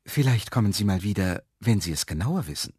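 A man's voice: on the low side, lively intonation, a little fast, darkish tone, breathy edge, no room sound. A curt woman answers through the intercom with short, cool replies, read by a man in his own voice. The sound is dry and close.

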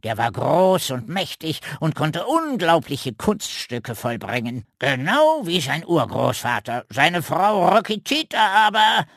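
A man voicing a boastful, long-winded old male raven with a quick temper, in a children's storybook reading. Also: on the high side, big pitch swings, gravelly, fairly bright tone, no echo, studio quality, pitched above the performer's own voice, heavily acted. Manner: pompous and long-winded, snapping when crossed.

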